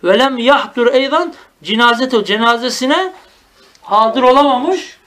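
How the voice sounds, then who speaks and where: High-voiced man teaching Arabic grammar. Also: lively intonation, bright, forceful tone. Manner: explains line by line, often asks "tamam mı?"; reads Arabic text slowly and acts out mourning cries. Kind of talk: traditional madrasa lesson.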